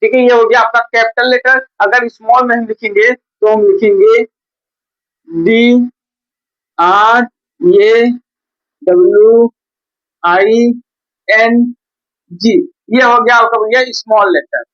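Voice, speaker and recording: The teacher's voice is very high and a bit bright, with fairly even intonation and a moderate pace, as he runs a reading lesson at a coaching-class board. He patiently repeats "theek hai" and "bhaiya" again and again, in a dull lo-fi recording.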